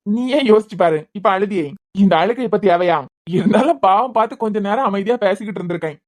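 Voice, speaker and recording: A woman voicing a devoted young husband who is a hospital head, speaking in a Kanyakumari Tamil accent, bantering fast and turning stern at times. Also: mid-range voice, a little mellow, close to an everyday voice. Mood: teasing. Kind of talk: cartoon web series voice acting.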